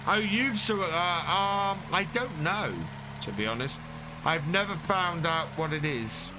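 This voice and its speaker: Playing a farming game on stream, this man chats with viewers, answers their questions, and thanks new followers. He speaks at a measured pace in a high, expressive voice, with game music and some background noise behind him.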